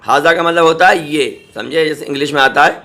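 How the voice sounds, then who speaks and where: A man teaching Quran reading, spelling out syllables slowly and patiently and often checking that students follow. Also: on the high side, gravelly, pushed and bright. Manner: checks in with "samjhe?" and "theek hai". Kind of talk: spelling-out recitation lesson.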